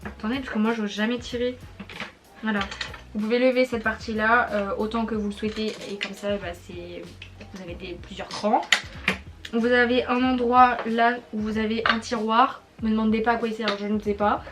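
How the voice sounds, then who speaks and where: A woman's voice: on the high side, fairly even intonation, normal speed, noisy background. A young woman, chatting casually in a product review vlog, rambling with lots of fillers and restarts. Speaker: YouTuber.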